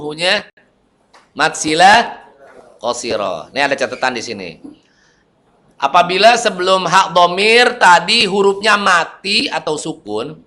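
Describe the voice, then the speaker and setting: A man's voice: high-pitched, pushed and bright. A young man teaching Quran reading rules in a casual lesson, chatting loosely, reciting short examples and often correcting himself.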